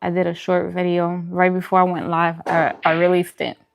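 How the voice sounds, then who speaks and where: This food vlogger and live streamer, an adult and a parent, speaks in a fairly low, creaky monotone at a moderate pace. She talks casually with her live-stream audience, responding to comments along the way.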